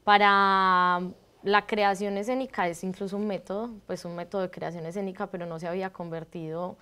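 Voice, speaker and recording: A woman's voice: medium pitch, little pitch movement, fairly quick, bright, forceful tone, clean tone. A woman in her thirties with a Colombian accent from Bogotá, a guest on a TV studio interview, explaining fluently and laughing easily. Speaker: guest, improv artist. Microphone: lapel mic.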